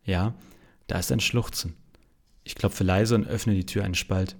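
A man's voice: lowish voice, steady tone, moderate pace, gravelly, darkish tone. A male pastor narrating a humorous story in a dry, wry manner.

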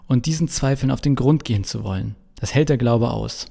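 Man doing a hot-tempered reformer, insistent and lecturing, gravelly voice, long reverb. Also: mid-range voice, a little fast, dark tone. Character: stubborn, hot-tempered older male church reformer.

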